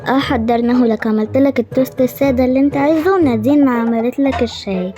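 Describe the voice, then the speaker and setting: A woman's voice: sits high, fast, natural voice. A woman with an Egyptian accent playing a bossy, fussing mother of three in a homemade family role-play drama. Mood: fond. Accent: Egyptian Arabic. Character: busy scolding mother of three kids. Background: background music.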